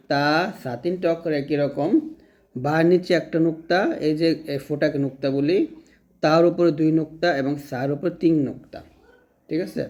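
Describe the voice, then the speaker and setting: A patient male teacher with a slightly high voice. He talks through how each sound is made, step by step. He says every sound again, slowly and clearly. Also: a little mellow. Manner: patient, repeats each letter slowly for learners to follow. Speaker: Quran recitation teacher. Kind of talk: step-by-step pronunciation lesson.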